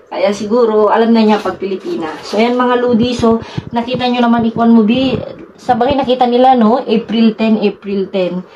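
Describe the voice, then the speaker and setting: A woman's voice: on the high side, fairly even intonation, a little fast, mellow, highs cut off, slight background noise. A woman from the Philippines, chatting casually to her viewers outdoors on a city street. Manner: chatty, keeps addressing viewers. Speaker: vlogger. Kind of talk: casual vlog chat to viewers.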